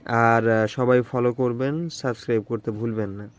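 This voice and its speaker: A man teaching Arabic letters in an online lesson, patiently repeating syllables slowly for drilling. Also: mid-range voice, fairly even intonation. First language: Bengali.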